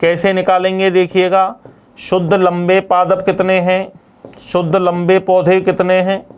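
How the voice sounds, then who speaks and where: Male science teacher, high ringing voice, call-and-response drilling style. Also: completely flat delivery, unhurried, clean tone. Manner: asks students questions and answers them himself; repeats key terms for drilling. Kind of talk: classroom lecture.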